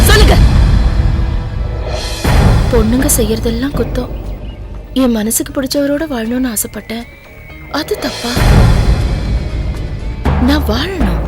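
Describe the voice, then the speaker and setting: A cold, defiant young widow, dubbed by a woman, speaks with hard conviction in a somewhat high voice. A loud film score fills the background of this dubbed drama. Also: close to an everyday voice. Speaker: dub actor.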